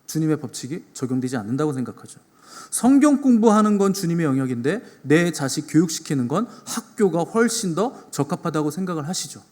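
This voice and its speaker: A male pastor delivers a Sunday sermon in a slightly higher-than-average voice that rises and falls with animated intonation. He moves from forceful, emphatic peaks to hushed, low asides and keeps putting rhetorical questions to his listeners. His voice rings out with the long reverb of a church hall. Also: a little fast. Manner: dramatic swings between loud emphatic peaks and soft low asides; asks the congregation rhetorical questions. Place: church sanctuary.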